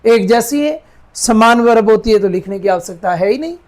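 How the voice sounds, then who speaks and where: A man with a high, animated voice teaches English grammar step by step. He slowly repeats sentences word by word, calls his students "beta," and often asks whether they've understood.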